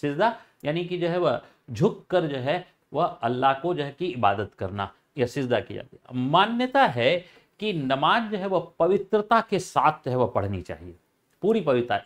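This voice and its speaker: A man explaining a topic for a channel, halting and full of filler phrases and repeats. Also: a little high. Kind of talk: informal educational explanation.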